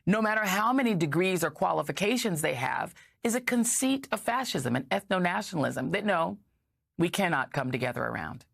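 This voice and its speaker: A woman's voice: mid-range voice, gravelly, no echo, studio quality. An American woman hosting a news commentary segment, delivering scripted opinion with sarcasm and pointed rhetorical questions.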